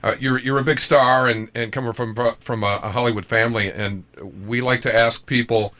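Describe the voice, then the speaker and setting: A man hosting a morning radio show, talking in DJ interview patter with a halting, repetitive delivery. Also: medium pitch, fairly even intonation, sharp tone.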